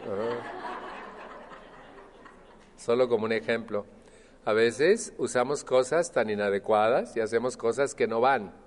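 A man speaking to a support group, animated and acting out others' voices. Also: on the low side, slight background noise. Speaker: Al-Anon speaker. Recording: long hall reverb.

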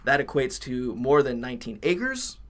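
A young man co-hosts a college podcast from a podcast room, keeping the chat laid-back, jokey and rambling with fillers. His mid-range voice swings widely in pitch at normal speed.

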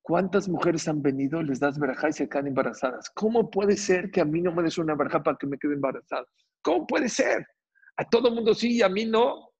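A man playing a tearful, childless young woman who pleads with her father, in a husky voice on a dull lo-fi recording. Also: on the high side, quick pace, hardly any pauses, darkish tone. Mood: pleading.

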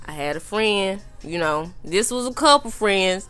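A young woman with a Southern US accent hosting a casual podcast chat, animated and swearing freely. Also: mid-range voice, unhurried, clear, resonant tone, faint music behind. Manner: animated, cussing, fillers like "you know what I'm saying". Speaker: podcast host.

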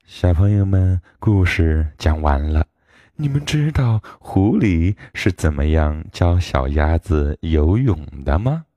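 Slow expressive male storyteller, very deep. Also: no echo. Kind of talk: children's story reading.

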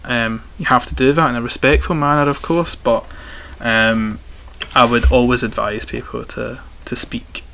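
Young man with strong, bright Glaswegian accent. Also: mid-range voice, fairly even intonation, normal speed, gravelly, few pauses, a little hiss or hum. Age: young adult. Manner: talkative, hesitant phrasing with repeated word starts. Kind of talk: conversational interview answers.

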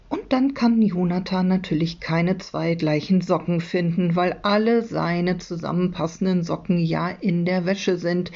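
A woman teacher reads a children's book aloud to her class, calm and measured. Her voice sits a little low with a breathy, husky grain. The recording sounds dull and muffled.

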